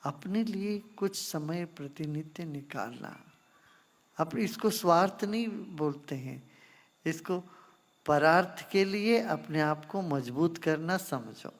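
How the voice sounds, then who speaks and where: A man acting as a spiritual teacher, answering questions in an unhurried, gently teasing way and addressing listeners informally. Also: a little high, animated, big-room sound. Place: ashram gathering.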